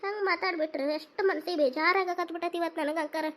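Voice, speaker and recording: A woman's voice: very high voice, steady tone, fast talker, slight background noise. A woman with a North Karnataka accent playing a hurt, tearful young married woman in a homemade village family drama, speaking in a plaintive, complaining way. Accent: North Karnataka Kannada.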